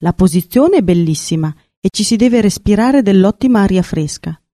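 A woman's voice: mid-range voice, expressive, warm tone, dry recording, clean studio sound, close to an everyday voice. A woman voicing an impulsive, vain young male swallow in a storybook reading. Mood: fussy. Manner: brisk, fussy, self-important.

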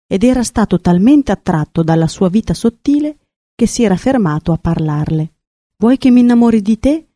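A woman narrating a fairy tale in a calm, measured storybook reading. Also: fairly low pitch, no echo, clean studio sound.

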